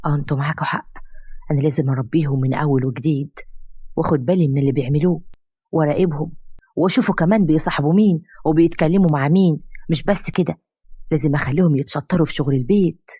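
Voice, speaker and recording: A woman's voice: sits low, racing, warm tone, slightly rough, dry recording, clean studio sound. A woman voicing an Egyptian middle-aged mother who is easily swayed and turns harsh on her daughters. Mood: agreeing. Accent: Egyptian Arabic.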